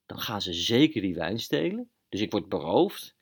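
A nervous lookout guard who stammers and hesitates, as a storyteller puts him on. He repeats words as he thinks out loud, in a voice close to the narrator's own. He sounds like a storybook guard. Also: fairly low pitch, big pitch swings, moderate pace, breathy edge, exaggerated voice. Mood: earnest.

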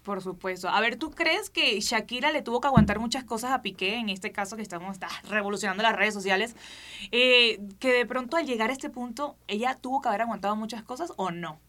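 A woman's voice: on the high side, brisk, bright, forceful tone, slight background noise. A woman from Colombia with a Caribbean coast accent, co-hosting a casual podcast chat in a playful, chatty way. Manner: playful, chatty, acts out quoted voices. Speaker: podcast co-host.

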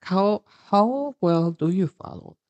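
A chatty woman from Germany co-hosts a relaxed podcast, laughing easily as she reads out comments. Her voice sits at an ordinary pitch for a woman. The sound is dry and close, with no room echo. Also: slow, dull audio. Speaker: podcast co-host. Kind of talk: casual chat.

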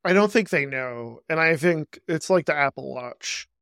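Man, fairly high voice, smooth and clean, dry sound, casual podcast host. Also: fairly bright tone, dry recording. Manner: conversational, quick asides, self-aware sarcasm.

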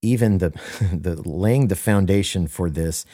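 A low-voiced man talks on a podcast as a worship leader, his tone warm and mellow. He speaks earnestly, hammering points home by repeating them, and slips in deadpan jokes. The sound is dry and close, with no room around it. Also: unhurried, dry recording. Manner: earnest and emphatic, repeats key phrases for stress. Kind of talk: casual podcast conversation.

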